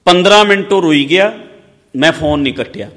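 A man giving a sermon, mixing advice with personal stories, swinging between loud emphasis and soft low asides. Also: a little fast. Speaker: religious preacher. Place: large hall or stage. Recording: long hall reverb.

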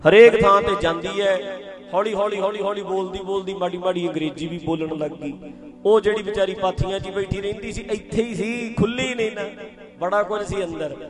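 A man's voice: high voice, a little fast. A man preaching a sermon, telling stories and acting out quotes while talking straight to his listeners. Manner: animated storyteller acting out quotes, addressing listeners directly. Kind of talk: sermon to a congregation. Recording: sermon with loud music behind. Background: clear background music.

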